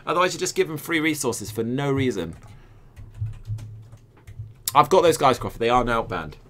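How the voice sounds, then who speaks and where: A man's voice: medium pitch, lively intonation, normal speed, fairly bright tone. A young Scottish man streaming and commentating a game tournament, joking, swearing and chatting to his viewers.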